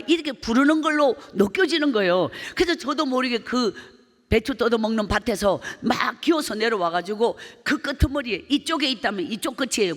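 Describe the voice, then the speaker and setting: A woman evangelist giving an emotional testimony sermon, telling her story vividly and acting out the voices in it. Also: a little high. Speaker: evangelist preacher. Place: church sanctuary. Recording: long church hall reverb.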